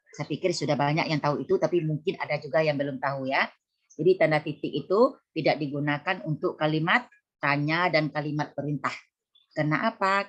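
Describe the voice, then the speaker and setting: A woman lecturer teaching a class, correcting students and spelling out letters one by one while repeating the key rules. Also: low-pitched. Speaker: university lecturer.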